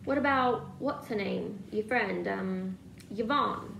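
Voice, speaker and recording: A gruff, blustering uncle, as a woman reading aloud puts him on, with a gravelly edge. He grumbles and threatens in an echoey room with faint noise. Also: medium pitch, slow, a bit bright, recorded from a distance, exaggerated voice. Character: blustering bossy man, a stern uncle.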